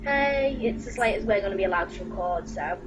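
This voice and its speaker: A woman's voice: medium pitch, animated, fairly quick. A woman host reading a creepy story aloud and chatting casually, her voice worn out, hesitant at times. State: losing her voice. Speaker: channel host. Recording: muffled, distant mic with music.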